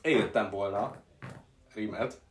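A man's voice: on the low side, distant mic. Young male co-host, loose mumbling banter, off-mic and roomy. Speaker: co-host of an internet radio show. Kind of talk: casual chat, improvised rhymes.

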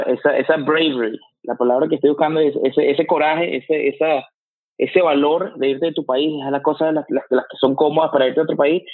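A man from Venezuela with a Venezuelan accent, talking as an interview guest in a halting way, restarting often and slipping in English words. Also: fairly high pitch, dry recording, phone-quality sound. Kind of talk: casual interview talk.

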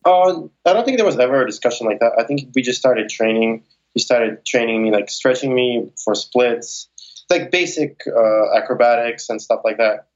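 A young man who performs on circus straps, born in Moscow and raised in Ukraine and Las Vegas, is a guest answering interview questions. His medium-pitched voice comes through dull audio, and he rambles loosely with lots of fillers and restarts.

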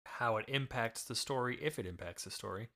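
A man's voice: mid-range voice, brisk, a bit bright. A man in his thirties or forties co-hosting a casual book discussion podcast, patiently steering the conversation and explaining things with plenty of fillers and restarts. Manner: patient, steers the talk back to the topic. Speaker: podcast co-host, father.

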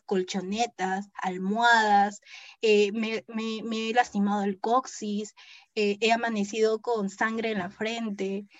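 A young adult woman telling a personal story as an interview guest, acting out the quoted dialogue in a lively way. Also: mid-range voice, no room sound, highs cut off.

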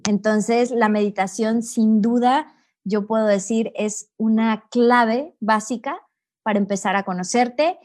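Calm middle-aged woman guiding gently. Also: a little high, a little slow. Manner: calm, teacherly, with many "¿no?" tags. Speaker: guest, personal growth coach. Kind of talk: reflective interview talk.

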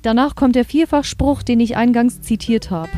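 A woman's voice: on the high side, normal speed, mellow, soft background music. A woman hosting a podcast, chatting enthusiastically as she reviews an audio drama episode. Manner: chatty, enthusiastic, reads quotes aloud. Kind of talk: casual chat.

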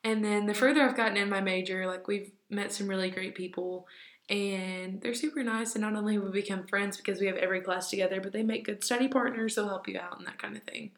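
A woman's voice: medium pitch, fairly even intonation, fast. A young woman co-hosting a podcast, telling stories in a chatty, giggly way full of fillers. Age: young adult. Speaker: podcast co-host. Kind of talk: casual chat. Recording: roomy echo.

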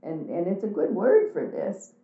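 A woman's voice: lowish voice, wildly swooping pitch, normal speed. A woman being interviewed, talking in a frank, chatty way in a casual conversation. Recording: echoey room, tinny phone-like sound.

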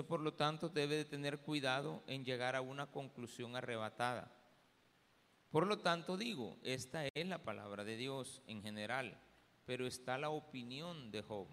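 A pastor with a Salvadoran Spanish accent, reading scripture aloud, praying and preaching in slow, deliberate phrases with pauses. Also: male voice, fairly high pitch, fairly bright tone, big-room sound. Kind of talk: sermon with scripture reading and prayer. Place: church sanctuary.

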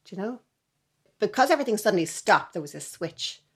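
A woman's voice: mid-range voice, sing-song, a little fast, slightly rough. A middle-aged woman, a violinist guest talking earnestly and reflectively in an interview, sometimes dropping to a near-whisper. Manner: earnest, wondering, trails into soft near-whispers.

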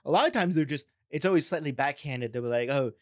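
Quick, lively deadpan comedian man. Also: on the high side, no room sound, studio quality. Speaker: standup comedian guest. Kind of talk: casual podcast chat.

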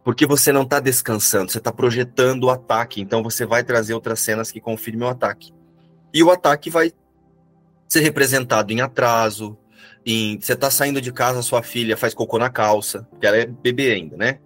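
A man calmly explaining a spiritual lesson and asking rhetorical questions, as a teacher would. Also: medium pitch, brisk, soft background music.

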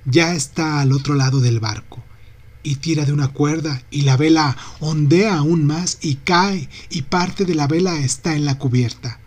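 A man reads a novel aloud in a steady, unhurried manner. His voice sits slightly high for a man and carries a husky, breathy texture. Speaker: audiobook narrator. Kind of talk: literary audiobook narration.

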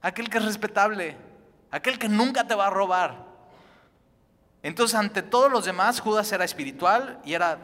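A man preaching a sermon as pastor, shifting between loud emphatic lines and hushed ones. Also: high-pitched, lively intonation, moderate pace. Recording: long reverb of a large hall.

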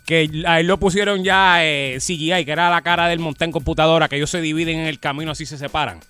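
A man's voice: a little high, steady tone, fast talker, pushed and bright, clear, resonant tone, faint music behind. A man co-hosting a radio show in casual banter, laughing often and talking with emotion. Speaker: radio co-host.

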